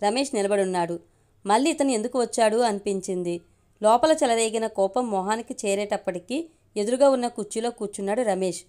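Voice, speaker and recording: A woman storyteller reading a love story aloud with steady, measured narration. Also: medium pitch.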